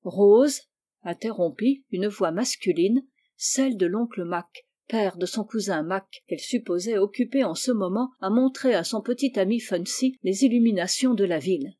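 A woman narrating a classic children's novel in a gentle, measured reading voice. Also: medium pitch. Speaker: audiobook reader. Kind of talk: storybook narration.

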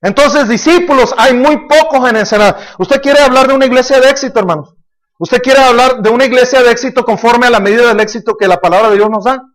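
Pastor, very high voice, emphatic sermon delivery, asks the congregation questions. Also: male voice, quick pace, fairly bright tone.

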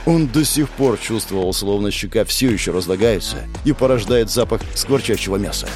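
A man narrating a fantasy audiobook with an expressive, dramatic delivery. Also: lowish voice, moderate pace, faint music behind.

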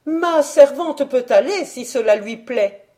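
A woman's voice: animated, takes it slowly. A woman voicing a haughty castle lady. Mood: scornful. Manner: high, loud, disdainful.

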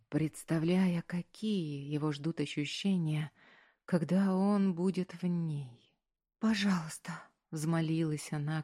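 Soft-voiced woman narrating an audiobook. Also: deep voice. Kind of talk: scripted narration.

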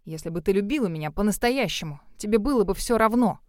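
A woman's voice: lively intonation, fast, darkish tone, dry recording, studio quality, close to an everyday voice. A woman voicing a brash, self-righteous young man who stammers and shrieks his indignant accusations. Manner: indignant, stammering, shrill outbursts.

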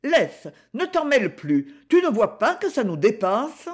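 A woman's voice: fairly high pitch, sing-song, a little slow, breathy edge, voice pushed up, full character voice. A woman reading a story aloud and voicing an older aunt who speaks dryly and curtly. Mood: firm. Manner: dry, curt. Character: sharp, worldly older aunt.

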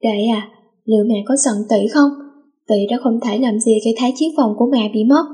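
A woman voicing a pampered, quick-tempered teenage girl in a read-aloud story. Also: fairly high pitch, mellow, close to an everyday voice. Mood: tearful.

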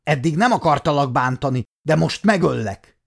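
A man's voice: mid-range voice, lively intonation, a little mellow, close to an everyday voice. A man playing a young soldier in an audiobook, speaking firmly and asking questions. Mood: threatening. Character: young soldier, stern but pitying.

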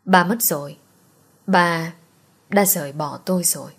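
A woman's voice: fairly low pitch, measured pace, breathy edge. A woman narrating a first-person romance audiobook with an emotional, dramatic reading.

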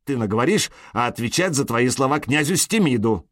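A man's voice: mid-range voice, expressive, a little fast, a bit bright, no room sound, clean studio sound. A man voicing a stern male governor who rebukes the others in an audiobook. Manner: commanding, rebuking.

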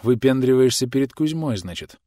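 A man's voice: mid-range voice, animated, brisk, darkish tone, no room sound, studio quality, lightly acted. A man voicing a haughty young woman who gives orders and scolds. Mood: cold. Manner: commanding, indignant.

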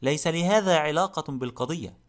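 A blustering, rude burly man, put on by an audiobook reader, gruff and blunt. His voice sits a little high for a man. He barks short, dismissive remarks. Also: fairly quick, close to an everyday voice. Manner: gruff and blunt, barking insults. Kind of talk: audiobook character reading.

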